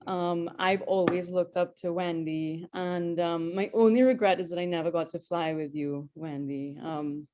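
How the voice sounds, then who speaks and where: A woman in her thirties from Trinidad, an airline pilot, is the guest on a video call, chattily telling her life story with many ums and restarts. Her voice is lowish and steady, unhurried yet with hardly any pauses, and there is background noise.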